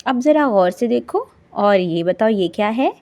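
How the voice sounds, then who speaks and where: Woman teacher, unhurried, drawing out each letter sound for small kids. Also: a little high, animated, a little mellow. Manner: slow, drawn-out sounding of letters and words. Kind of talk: children's lesson narration.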